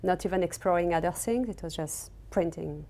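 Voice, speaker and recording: A textile artist raised in Senegal and Cameroon answers casual interview questions in her studio, hesitantly and with many fillers. She has a French accent and a dark-toned voice on the low side, speaking a little fast.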